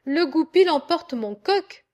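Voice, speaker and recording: A woman reading a medieval tale aloud, voicing a shrill, alarmed old farm woman who shrieks frantically. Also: animated, unhurried, darkish tone.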